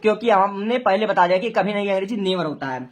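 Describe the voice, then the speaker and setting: A woman with an animated, medium-pitched voice moves at a quick pace through a lesson on translating Hindi into English. She explains each stage, answers the questions she poses, and spells words letter by letter.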